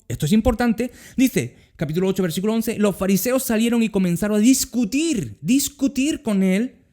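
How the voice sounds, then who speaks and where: A middle-aged man with a Spanish accent preaching a sermon as pastor, acting out quoted words. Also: sits high. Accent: Spain Spanish. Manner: animated, acts out Jesus's words in quotes.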